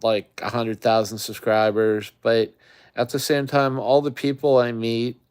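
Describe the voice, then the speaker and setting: A smooth, fairly low male voice comes through a dry recording with clean studio sound. The middle-aged Great Lakes host of a camping channel rambles casually on a live stream, leaning on lots of fillers.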